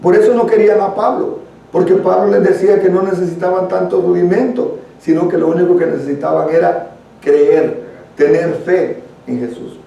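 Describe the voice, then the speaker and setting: On a lo-fi recording, a man with a high, creaky, dark voice speaks at a moderate pace with fairly even intonation. He has a Guatemalan accent and leads a church Bible study, reading and explaining scripture earnestly and conversationally, recorded by a distant mic in a very echoey room.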